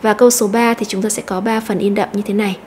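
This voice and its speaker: A woman teacher explaining an English lesson step by step, slowly repeating each word to stress. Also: mid-range voice, steady tone, darkish tone, a little hiss or hum. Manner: methodical, repeats words slowly.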